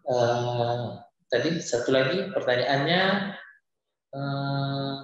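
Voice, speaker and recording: A man teaching Quran recitation, answering viewers' questions in a hesitant way with many filler pauses. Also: medium pitch, muffled recording. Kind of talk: live-streamed Q&A lesson. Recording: very echoey room.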